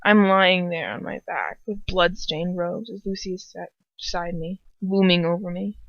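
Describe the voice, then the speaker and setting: On a dull lo-fi home recording with no room echo, a woman with a fairly low, fairly bright voice reads fan fiction aloud at normal speed. She's an amateur narrating in the first person, keeping it informal and interrupting herself with casual asides.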